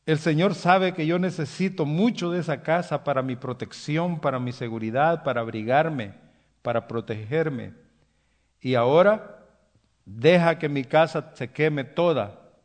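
A man's voice: on the high side, a little slow, close to an everyday voice. A man voicing a shipwrecked castaway who complains to God about his burned house, in a pleading tone, as part of a sermon story. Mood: lamenting.

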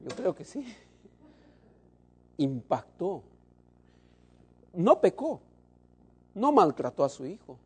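Animated preaching man, lively pitch. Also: takes it slowly, long pauses, husky. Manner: animated, shifts between loud emphasis and soft low asides. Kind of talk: sermon to a congregation.

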